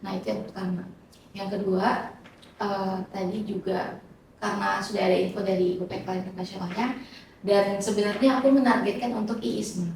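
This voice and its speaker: A woman in her twenties, a guest speaker, explaining her experiences in a friendly, unhurried way with many hesitant fillers. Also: mid-range voice, steady tone, vocal fry, a little mellow, slight background noise. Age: 20s. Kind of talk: casual interview answers. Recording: very echoey room, voice from far off.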